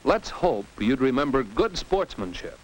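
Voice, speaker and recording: With a mid-range voice and a slightly slow pace, an animated American man narrates a scripted 1950s instructional film for teenagers in a classroom setting. He teaches by posing rhetorical questions and exclaiming like a game commentator, and the vintage soundtrack is noisy.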